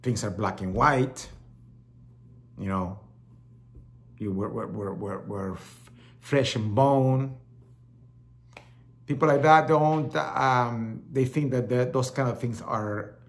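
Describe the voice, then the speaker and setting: A middle-aged Salvadoran man with a Salvadoran Spanish accent hosts a talk show, speaking slowly in a medium-pitched voice with long pauses. His monologue is casual and rambling, he often repeats words, and he acts out the voices of people he quotes.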